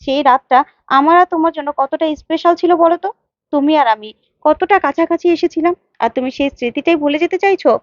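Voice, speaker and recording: A woman's voice: high-pitched, fast talker, dry recording, dull audio, pitched above the performer's own voice, lightly acted. A woman voicing a young woman who insists and pleads over a lost love. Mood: pleading.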